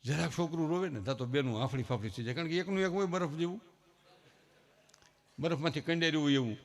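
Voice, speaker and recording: A male comedian, telling animated stories on a live stage and using lots of rhythmic repetition. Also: fairly high pitch, fast talker. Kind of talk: live folk storytelling comedy. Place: live stage show before an audience.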